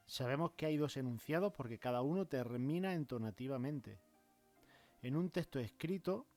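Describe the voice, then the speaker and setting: Male teacher, measured explainer who acts out examples with marked intonation. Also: medium pitch, a little mellow. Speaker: language teacher. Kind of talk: explanatory grammar lesson.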